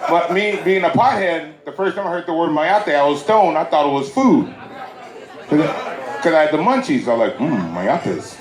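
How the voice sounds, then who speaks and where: A man's voice: a little high, lively intonation, a little fast. A man from Southern California performing a stand-up comedy set at a private party, telling loose stories with playful asides to the audience. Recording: echoey bootleg with loud crowd and noise.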